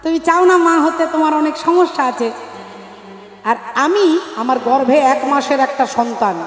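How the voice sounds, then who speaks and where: A woman's voice: sits high, moderate pace, natural voice. A woman doing a scheming, coaxing younger sister. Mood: conspiratorial. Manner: coaxing, conspiratorial, hushed in places. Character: scheming younger sister, poor mother of many. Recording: echoey hall, music behind.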